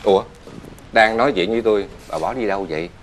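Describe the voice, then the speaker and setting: A man's voice: fairly low pitch, fast talker, lightly acted. An actor with a Southern Vietnamese accent playing a proud, stern rich father in a cartoon fairy tale. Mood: grumbling. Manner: stern, grumbling, later wailing. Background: music.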